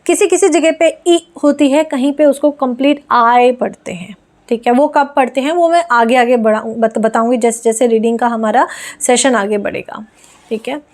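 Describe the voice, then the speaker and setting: A woman with a high voice leads an online phonics lesson. She patiently sounds out each letter before blending it into a short word, in a steady teaching manner. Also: normal speed. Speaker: online English reading teacher.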